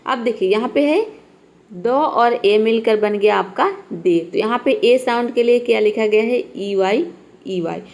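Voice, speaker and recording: A woman's voice: a little high, a little slow, darkish tone. A woman teaching English spelling rules, explaining patiently and repeating each point with questions she then answers. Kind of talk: spoken English lesson.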